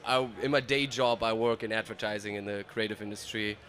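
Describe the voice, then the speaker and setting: A man's voice: on the low side, fairly even intonation, a little fast, fairly bright tone, a little hiss or hum. German-accented man, easygoing interview guest. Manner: easygoing, laughs often, loose storytelling. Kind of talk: casual trade-show interview. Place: trade show floor.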